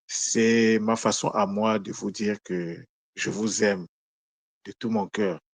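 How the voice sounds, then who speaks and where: A man with a lowish voice delivers a daily spiritual teaching at a very unhurried pace. He explains each idea patiently, pausing often. The recording is dry and close. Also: no room sound. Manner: slow, measured, explaining word by word with pauses.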